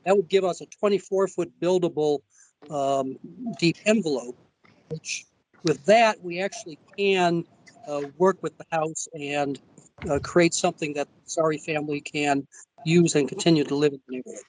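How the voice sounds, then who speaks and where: A man presenting as an architect to a zoning board over a remote call connection that breaks up, speaking haltingly with many fillers. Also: on the high side, rough recording. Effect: remote call audio, breaking up.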